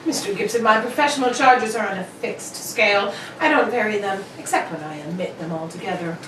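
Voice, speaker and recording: A woman's voice: mid-range voice, a bit bright, lightly acted. Sherlock Holmes played by a woman, roomy and distant. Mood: formal. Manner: dry, measured, formal, politely cutting. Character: Sherlock Holmes, cool, incisive gentleman detective. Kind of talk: 1940s radio mystery acting. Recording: roomy, distant, faintly noisy stage recording.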